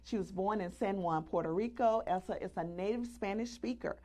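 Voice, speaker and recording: A woman's voice: medium pitch, brisk, a little mellow. A woman hosting a talk show, introducing guests and thanking them.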